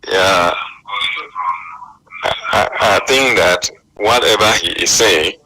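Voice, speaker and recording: A man's voice: low voice, slow pace, sharp tone, low-quality recording. A man phoning in to a talk show, speaking hesitantly with fillers. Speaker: caller. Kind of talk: phone-in call.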